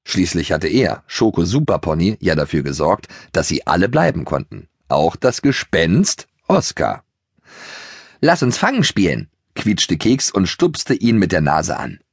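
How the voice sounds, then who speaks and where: Man, audiobook narrator, deep voice, husky edge, dry studio sound. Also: measured pace, hardly any pauses, dry recording. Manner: animated storytelling. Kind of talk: lively children's story reading.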